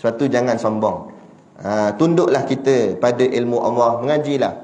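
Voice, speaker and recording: A man preaching in a Malaysian Malay accent, telling a story with animated delivery and rhetorical questions. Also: mid-range voice, normal speed, roomy sound. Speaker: religious preacher. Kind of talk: sermon.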